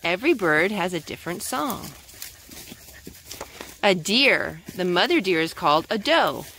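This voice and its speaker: This mother's voice is lowish, bright and forceful, very animated and a little slow as she reads a picture book aloud to her young child in the woods. She talks to the child in a sing-song manner. The clip comes from a handheld camera she holds, with plenty of outdoor noise.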